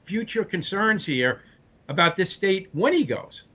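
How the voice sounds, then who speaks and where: A man with a distinct Brooklyn accent speaks in a somewhat high register. He is a blunt, straight-shooting political guest, and his audio is slightly dull and lo-fi. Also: very animated, unhurried, bright, forceful tone, slightly rough. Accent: Brooklyn, New York. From Brooklyn, New York. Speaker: political party chairman, interview guest. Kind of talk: political commentary in a broadcast interview.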